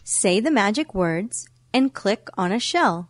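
A woman's voice: mid-range voice, animated, unhurried, dry recording, clean studio sound. A woman reading scripted instructions as narrator of a children's reading game, with careful phrasing. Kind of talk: scripted read-along instruction.

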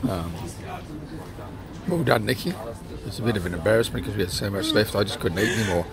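A man's voice: on the low side, brisk, gravelly, a crowd in the background. A man bantering casually on a travel vlog with a dry, teasing humour. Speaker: travel vlogger.

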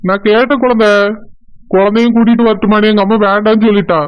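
A man voicing a gentle, reassuring young village husband with a Tirunelveli Tamil accent in a cartoon. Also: high-pitched, flat delivery, fast talker, clear, resonant tone, natural voice. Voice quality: soothing, reassuring. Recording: dull lo-fi sound.

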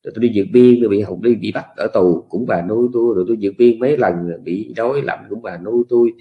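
A man's voice: lowish voice, fast talker, narrow, tinny audio, lightly acted. A man voicing a dying old husband who pleads with his wife as he recalls their life, speaking. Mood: pleading. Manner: pleading, repetitive storytelling.

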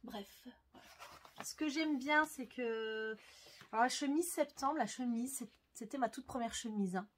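A woman's voice: on the high side, a little slow, slight background noise. A woman sewing vlogger chatting casually and enthusiastically, with frequent fillers and self-corrections. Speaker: sewing YouTuber. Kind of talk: casual book review vlog.

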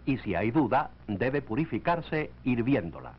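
A male narrator from a 1940s educational film comes through a dull, lo-fi old soundtrack with slight background noise. His mid-range voice moves in lively, animated swings. He reads scripted lines in a measured, instructive manner.

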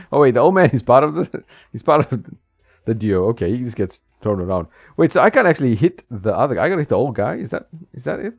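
With a mid-range voice, fairly quick pace, vocal fry and big swings in pitch, a retro game video host chats casually while playing an old fighting game. He chuckles often and responds to the game aloud. The dull, dry recording has no echo and game music underneath.

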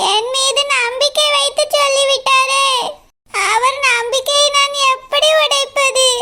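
Woman voicing a tearful cartoon girl, super high thin voice, bright and sharp. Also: full character voice. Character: tearful young woman torn over arranged marriage. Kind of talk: cartoon voice acting.

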